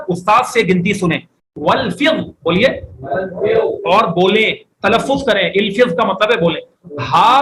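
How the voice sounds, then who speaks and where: Male classroom teacher with a high, bright voice. Explains step by step and quizzes the room. Faint background noise. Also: poor audio. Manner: explains step by step, often asks the class questions; reads Arabic phrases slowly for students to repeat. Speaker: Arabic teacher. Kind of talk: classroom lecture.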